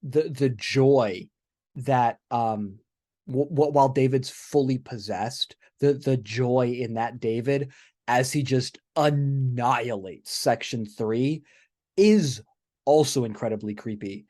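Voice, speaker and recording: A man's voice: medium pitch, takes it slowly, mellow. Casual male podcast co-host. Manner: enthusiastic, many restarts and "right?" asides.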